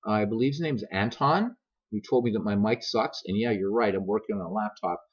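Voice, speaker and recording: Low-pitched American man, casual streamer chat. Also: brisk, breathy edge. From grew up many years in America; also Irish. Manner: self-deprecating, joking, digressive. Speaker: streamer and gaming video host. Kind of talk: casual rambling chat to viewers. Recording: dull lo-fi laptop microphone.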